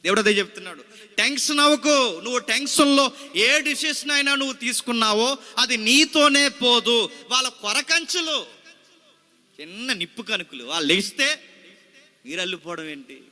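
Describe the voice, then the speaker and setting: A man's voice: very high voice, animated, normal speed, pushed and bright, in a large hall. A male pastor preaching a sermon, dramatic and full of rhetorical questions to the congregation. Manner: repeats scripture phrase by phrase after a reader.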